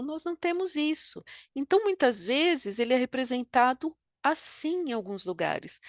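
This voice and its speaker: A woman's voice: sits high, dry recording, clean studio sound. A woman from Brazil with a Brazilian Portuguese accent, teaching French pronunciation in an online lesson and often checking in with tag questions. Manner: explanatory, frequent tag questions. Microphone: computer microphone while drawing with a mouse.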